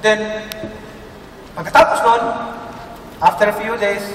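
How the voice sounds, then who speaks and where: A man giving an earnest, halting personal testimony to a group. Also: sits high, fairly even intonation, noisy background. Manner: earnest, halting, with many restarts. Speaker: testimony speaker. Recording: echoey room, mic far off.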